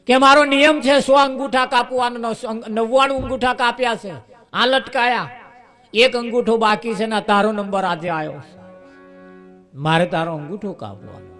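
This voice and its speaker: Fierce demon robber played by a man, bellowing threats, high strained shouting. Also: moderate pace, faint music behind, heavily acted. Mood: threatening. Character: fierce male demon robber, brutal and loud.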